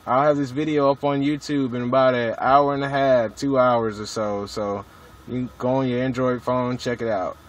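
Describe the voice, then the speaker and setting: A CB radio hobbyist films his casual two-way radio chat from a vehicle parked at a truck stop, using slang, jargon and profanity. He speaks at a normal speed in a medium-pitched voice with fairly even intonation, on a noisy mobile recording.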